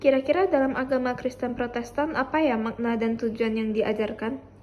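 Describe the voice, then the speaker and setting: A woman's voice: on the high side, fairly even intonation, normal speed, darkish tone, highs cut off, a little hiss or hum. A woman student introducing herself and politely asking interview questions, with a few hesitant fillers.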